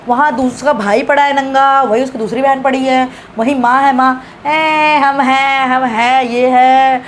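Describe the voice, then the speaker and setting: A woman's voice: high-pitched, a little hiss or hum. A woman from Bihar, India, giving a heated, indignant reaction rant full of swearing. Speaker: social media creator.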